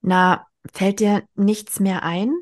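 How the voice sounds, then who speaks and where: A woman reading aloud as a defiant teenage girl who snaps at her mother, in a sharp tone. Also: fairly high pitch, expressive, normal speed, close to an everyday voice. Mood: snappy. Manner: sharp, snappy.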